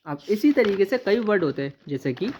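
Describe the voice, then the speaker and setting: A woman teaching an English pronunciation lesson who spells out letters and then says each word slowly and deliberately. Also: medium pitch, expressive, a little mellow. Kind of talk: classroom-style lesson explaining pronunciation. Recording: slightly dull, lo-fi recording.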